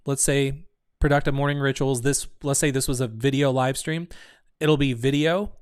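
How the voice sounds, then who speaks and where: A man's voice: mid-range voice, no echo, clean studio sound. Chatty man hosting a live stream. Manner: rambling, thinks aloud with restarts. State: hiccuping. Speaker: community host. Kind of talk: casual live stream talk.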